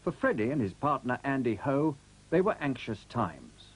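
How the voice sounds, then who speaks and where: A man narrating a documentary in a measured, scripted way. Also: mid-range voice, slightly rough, poor audio. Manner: measured, expressive delivery.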